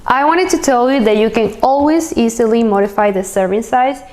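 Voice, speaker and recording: Chatty woman from Venezuela, slightly high voice. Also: brisk, darkish tone. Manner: chatty, upbeat, lists ingredients as she cooks. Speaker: cooking channel host. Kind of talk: casual recipe walkthrough.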